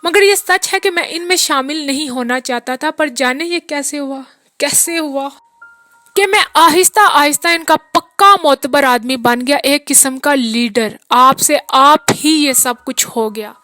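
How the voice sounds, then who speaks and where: A woman's voice: sits high, a little slow, bright, forceful tone, dry recording, soft background music. A woman reading the part of a weary, peasant-born man who rambles through a long, rueful account of his hard years. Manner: long rambling confessional talk.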